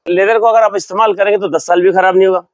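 A man's voice: high voice, fairly even intonation, very fast, dry recording. Older man, shop owner, explanatory, lapel mic, dry sound. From Pakistan. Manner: explanatory, shows goods while talking. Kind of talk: sales demonstration. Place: large indoor leather shop.

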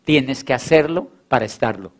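A man's voice: mid-range voice, animated, moderate pace. A man giving a motivational stage talk to an audience, repeating phrases for emphasis and acting out quoted voices. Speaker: motivational speaker.

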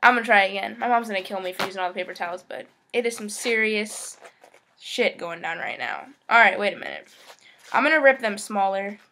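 A woman's voice: medium pitch, lively intonation, a little fast, sharp tone, slight background noise. A young woman in her teens making a casual home vlog, chatty and frustrated, swearing often. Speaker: vlogger.

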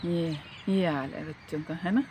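A middle-aged woman chatting casually as she walks through a park and films a vlog on her phone. She tells stories in an animated way and keeps asking her listeners to agree. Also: low voice, normal speed, a little hiss or hum. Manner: animated storyteller. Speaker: vlogger and mother. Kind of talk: casual walking vlog chat. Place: outdoor park on a foggy day.

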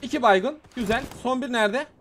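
A man hosting a gaming channel, commentating his own match in an excitable, muttering way that tenses up during fights. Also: very high-pitched, brisk, noisy background. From Turkey. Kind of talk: live gameplay commentary.

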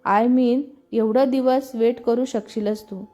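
A woman's voice: a little high, steady tone, slow, mellow. A woman voicing a playful, teasing young man, the hero's best friend, in a storybook reading. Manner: teasing, mock-dramatic.

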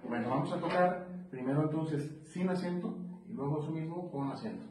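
A man's voice: fairly high pitch, a little fast. A man teaching a drum lesson, explaining rhythm step by step and counting beats aloud. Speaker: percussion teacher. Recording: roomy, distant mic with faint noise.

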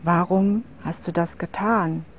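A woman voicing a grieving woman in a storybook tale who defends her wolf, speaking quietly and with hurt. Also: on the low side, a little slow, slight background noise, natural voice. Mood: toneless.

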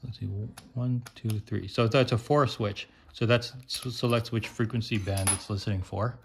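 Clicks and handling sounds run through this hobby video, where a man pulls apart electronics while casually narrating his thoughts. His pitch is fairly low, his intonation fairly even, and he moves at a moderate pace.

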